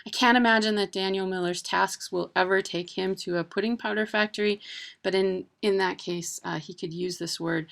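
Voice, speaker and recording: A woman's voice: fairly low pitch, vocal fry, fairly bright tone. A woman talking casually to camera about words and places, with lots of ums and uhs. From Wisconsin. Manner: chatty, many ums and uhs. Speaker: vlogger. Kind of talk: casual educational talk.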